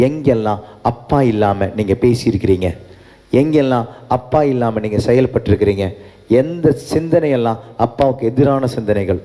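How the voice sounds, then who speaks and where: Priest preaching in an echoing church. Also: male voice, mid-range voice, mellow. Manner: preaching with repeated refrains, switching into English. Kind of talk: sermon. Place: large church. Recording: long church reverb.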